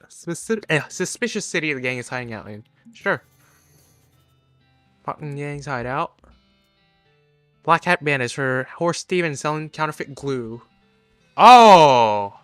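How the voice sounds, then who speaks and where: A man's voice: a little high, pushed and bright, no echo. A man streaming a game, reading its dialogue aloud with jokey asides. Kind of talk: casual game playthrough. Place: home streaming setup. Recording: dry close mic with faint game music.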